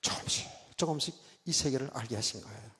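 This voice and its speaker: A middle-aged male pastor preaching a sermon, telling a story with loud bursts and hushed asides and often asking his listeners to agree. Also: mid-range voice, fast. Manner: animated storytelling, swings from loud exclamations to quiet asides; keeps asking the congregation for agreement. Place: church sanctuary. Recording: church hall reverb.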